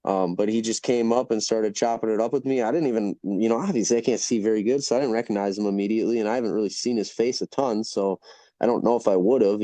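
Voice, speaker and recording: Rambling profane man with a dark voice. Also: fairly low pitch, no room sound. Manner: rambling, profane, emphatic storyteller. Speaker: podcast host. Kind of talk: casual podcast chat.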